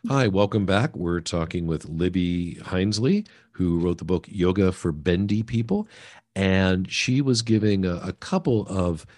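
A man hosting a podcast interview, talking in a relaxed conversational way with self-deprecating asides. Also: low-pitched, a little slow. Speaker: podcast host.

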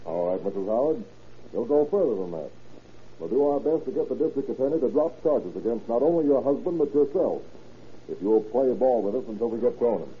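A male actor playing a gruff, insistent 1930s police captain in a radio crime drama, talking in clipped, tough cop style. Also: medium pitch, expressive, fairly quick, lightly acted. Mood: firm. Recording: tinny, noisy old radio recording.

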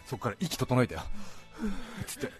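A male radio host tells a story at a quick clip and acts out every character in it. His pitch leaps around wildly as he laughs through the tale. Music plays clearly underneath. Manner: animated storytelling, acts out other people's lines, frequent laughter. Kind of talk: casual radio talk, anecdote.

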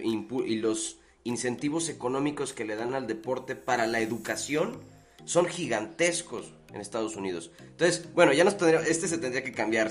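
A man on a podcast panel, discussing analytically and casually, often ending points with a tag question. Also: mid-range voice.

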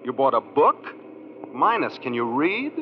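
Lively, wisecracking radio detective's sidekick. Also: male voice, mid-range voice, a little slow. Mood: sardonic, amused. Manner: dry, sardonic, wordy wisecracks. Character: wisecracking, quick-thinking male detective's sidekick. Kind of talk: 1940s radio mystery acting. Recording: noisy, muffled old radio recording.

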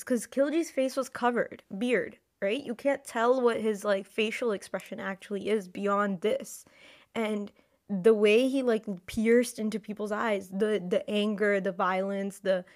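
A woman co-hosting a film podcast, chatting casually and animatedly, with many fillers. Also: mid-range voice. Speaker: podcast co-host. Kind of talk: casual chat.

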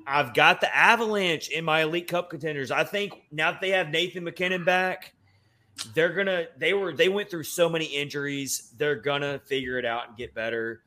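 Southern tennessee guy hosting a sports podcast, really bright forceful voice, chatty. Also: a little high, normal speed. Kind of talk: casual sports talk.

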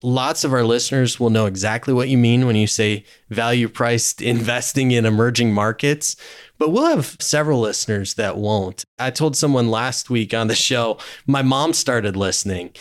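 A man's voice: mid-range voice, normal speed. A man hosting a podcast, asking guiding questions in a conversational way. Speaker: podcast host. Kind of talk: podcast interview.

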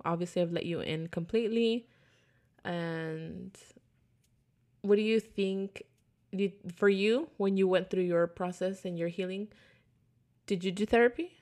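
A woman's voice: lowish voice, unhurried, long pauses, a little mellow. A woman hosting a podcast in casual chat, rambling and swearing freely as she tells a story. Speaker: podcast host.

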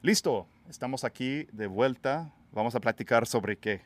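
A Texan man, a native English speaker, hosts a casual podcast chat outdoors by a pool. He talks in a relaxed, hesitant way with many fillers and restarts, his mid-range voice moving at a moderate pace.

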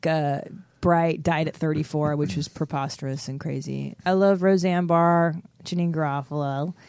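A woman guest on a podcast chatting casually and enthusiastically, with quick quips. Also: low voice, fairly even intonation, darkish tone, clear, resonant tone, dry recording, studio quality. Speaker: guest comedian. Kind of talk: casual chat.

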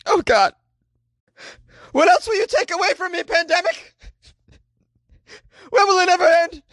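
A man's voice: very high voice, fairly bright tone, no echo, clean studio sound, pitched above the performer's own voice, full character voice. A man playing a melodramatic, grief-stricken man, whiny and pleading, in a comedy podcast bit.

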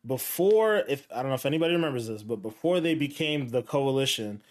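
A man hosting a casual gaming podcast, talking in a relaxed, rambling way. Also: mid-range voice, fast. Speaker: podcast host. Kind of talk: casual chat.

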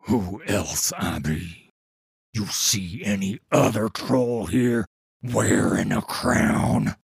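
A man voicing a huge, brutish male troll king with a rumbling, gravelly voice and slow, broken speech. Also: dry recording, studio quality, heavily acted. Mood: gruff.

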